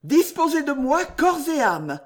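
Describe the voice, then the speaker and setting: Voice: high voice, sing-song, unhurried, pitched above the performer's own voice. A reader voicing an anxious young woman in an audiobook, speaking in a stammering, breathless way. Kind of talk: audiobook reading.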